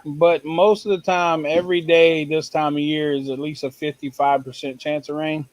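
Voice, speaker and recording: A man's voice: on the high side, little pitch movement, normal speed, dry recording, poor audio. A man co-hosting a live stream, chatting casually and answering in short, laconic replies. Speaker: co-host.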